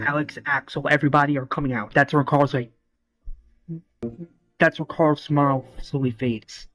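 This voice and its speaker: A man's voice: mid-range voice, fairly bright tone. A man casually retelling a fan series episode scene by scene, rambling with restarts and acting out quoted lines. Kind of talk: casual spoken retelling of a story.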